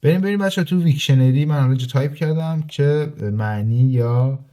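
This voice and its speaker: A man teaching a language grammar lesson, reading example sentences slowly and then explaining them quickly to his students in a casual way. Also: on the high side, warm tone. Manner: addresses listeners informally as "kids". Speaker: German teacher.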